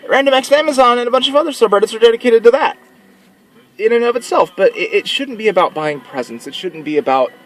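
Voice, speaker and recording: A man's voice: very high-pitched, animated, quick pace, low-quality recording. A young man talking to camera in a casual vlog, sincere and emotional, rambling with many restarts. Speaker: vlogger who works as a mall Santa.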